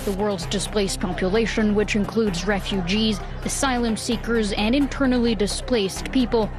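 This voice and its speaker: A woman reads a news report in a steady, formal way at a middle pitch. Clear music plays under her voice. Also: moderate pace. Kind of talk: scripted news reading.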